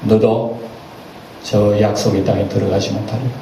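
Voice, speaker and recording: A man voicing God sternly calling a servant to account, low and grave. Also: level tone, creaky, dark tone, slight background noise. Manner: slow, low, grave rebuke. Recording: echoey church hall, distant mic.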